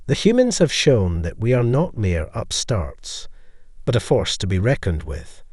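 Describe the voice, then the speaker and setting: A man reads a resolute female ambassador in an audio story. She speaks firmly and formally, with lively rises and falls. The sound is dry and close. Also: lowish voice, unhurried, breathy edge, dry recording, heavily acted. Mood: steely. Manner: firm, formal, steely.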